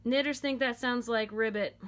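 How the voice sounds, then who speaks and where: A woman's voice: fairly high pitch, fairly even intonation, moderate pace, a bit bright. A woman teaching a knitting technique at home in a casual, chatty and playful way, joking and repeating herself as she goes.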